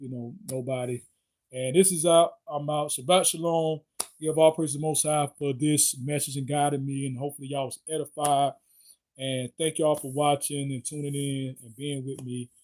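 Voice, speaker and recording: Male vlogger, slightly high and mellow, casual rambling sign-off with stops to find words. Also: slight background noise. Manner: rambling, halting, searching for words. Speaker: video host.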